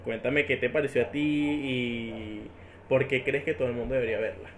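A man's voice: mid-range voice, steady tone, moderate pace, a little hiss or hum. A man hosting a podcast, asking open questions and affirming his guest's points. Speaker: podcast host. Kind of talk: casual podcast interview.

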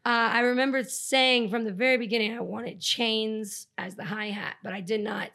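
A woman in her thirties, a musician guest, telling animated stories in a casual podcast chat. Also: on the high side, moderate pace, gravelly. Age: 30s. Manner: animated, laughing storyteller.

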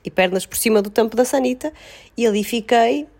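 A woman with a European Portuguese accent, telling her side of a story in casual chat, insistent and expressive. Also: a little high, fairly quick.

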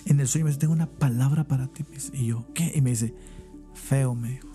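A man on a podcast, telling lively anecdotes in casual chat and laughing often as he goes. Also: mid-range voice, very fast, faint music behind. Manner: animated, laughs while telling stories. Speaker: podcast guest. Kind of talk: casual storytelling.

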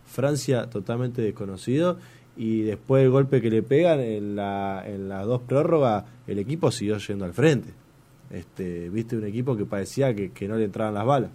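A man on a football panel, calmly analyzing how the team played. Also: on the low side, moderate pace. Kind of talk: casual chat.

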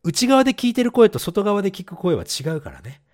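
A man's voice: high voice, wildly swooping pitch, a little fast, a little mellow. A man co-hosting a casual podcast, reading listener letters, laughing often and explaining English phrases. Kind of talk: casual bilingual chat.

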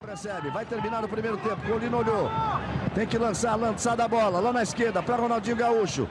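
A Brazilian man giving explosive live football commentary, shouting and stretching out his goal calls. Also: high voice, fast talker, over loud music, a loud crowd. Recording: noisy archive stadium sports broadcast. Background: stadium noise.

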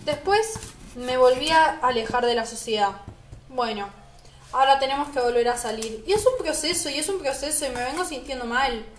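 A woman's voice: high voice, normal speed, echoey room, slight background noise. A teenage girl with a Rioplatense Spanish accent, talking in a chatty, emphatic spoken-diary monologue. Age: teens. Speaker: vlogger.

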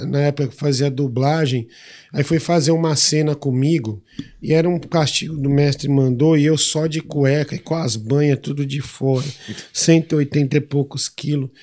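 A man's voice: fairly high pitch, darkish tone. A man with a Brazilian accent, a podcast guest telling stories casually and animatedly, swearing freely and acting out the people in his stories. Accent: Brazilian Portuguese. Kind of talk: casual storytelling.

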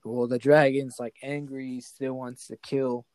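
A man's voice: mid-range voice, level tone, measured pace, a little mellow, no room sound. A man improvising a fantasy story as game master. He talks casually and keeps checking in with the player.

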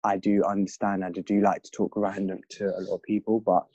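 This young man from London, England, has a low, husky, mellow voice with little pitch movement and talks a little fast. He appears as a podcast guest, reflecting earnestly in a casual chat, captured in a dull, lo-fi, dry recording without echo.

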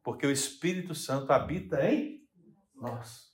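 A man's voice: medium pitch, expressive, measured pace. A male pastor with a Brazilian Portuguese accent, teaching a Bible study in a chatty way and asking his congregation questions. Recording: echoey church hall.

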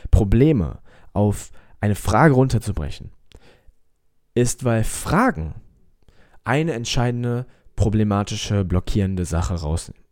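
Tiefer Coach mit amerikanisch gefärbtem Deutsch. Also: male voice, fairly low pitch, mellow, no room sound, studio quality. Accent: American-tinged German. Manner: emphatic, repeats himself, direct address. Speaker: self-help coach. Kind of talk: motivational talk to viewers.

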